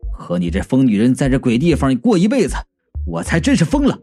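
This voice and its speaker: A cold, callous man speaks in short, contemptuous lines, as the narrator voices him. The delivery is low and curt in this audiobook reading, with soft music far in the background. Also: wildly swooping pitch, a little fast. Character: cold, callous man turning on his partner.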